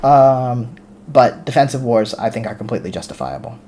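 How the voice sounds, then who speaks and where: An American man on a live stream reads the chat aloud and answers casually, often restarting mid-word. His medium-pitched voice is expressive and mellow at a normal speed, with a little hiss or hum in the audio.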